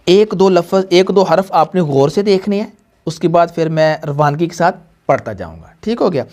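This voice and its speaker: A man's voice: a little high, animated, darkish tone. A man teaching a Quran reading class, patiently repeating points and quizzing students in call-and-response. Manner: repetitive call-and-response questioning; patient, slow drilling. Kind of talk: classroom lesson to students and viewers.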